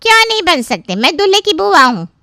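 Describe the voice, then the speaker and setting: A woman voicing the groom's greedy, loud, complaining aunt in a cartoon. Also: expressive, normal speed, no echo, studio quality, heavily acted. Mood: demanding. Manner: shrill, complaining, pushy. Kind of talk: cartoon voice acting.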